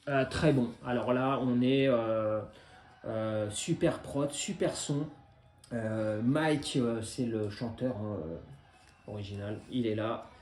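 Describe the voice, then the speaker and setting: A man's voice: medium pitch, darkish tone. A man in his forties casually presenting his vinyl records, hesitant and full of filler sounds but enthusiastic. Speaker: record collector. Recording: roomy echo.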